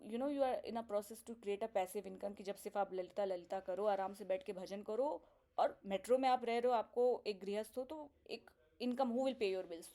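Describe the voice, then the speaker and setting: हिंदी-अंग्रेज़ी मिलाकर कहानी सुनाती महिला. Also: female voice, medium pitch, warm tone. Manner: mixes Hindi and English, acts out quoted dialogue. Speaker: spiritual teacher and video host. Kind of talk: casual storytelling.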